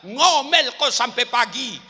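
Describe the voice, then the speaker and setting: A man's voice: very high voice, expressive, unhurried, noisy background, voice pushed up. A man voicing a fed-up husband who taunts his nagging wife, in a comic sermon story. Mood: gloating. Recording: reverberant hall.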